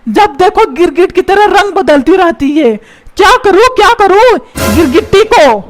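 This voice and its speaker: A grumpy, put-upon old cartoon father, played by a woman. He scolds and complains in a very high, swooping voice. Music plays clearly behind him. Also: animated, moderate pace. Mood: scolding.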